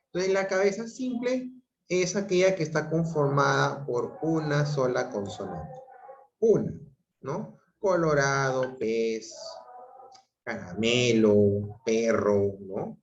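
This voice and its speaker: A man teaching an online grammar class, slowly explaining, often repeating himself and checking in with the students. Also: medium pitch, animated. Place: home room on a video call. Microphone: computer mic on a video call. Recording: roomy, dull lo-fi video call audio.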